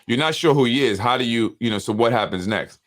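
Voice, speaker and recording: A man's voice: mid-range voice, expressive, quick pace. A man hosting a podcast, questioning his guest and recapping events, often checking in with "right?". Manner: probing, recapping with frequent "right?". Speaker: podcast host. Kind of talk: casual interview.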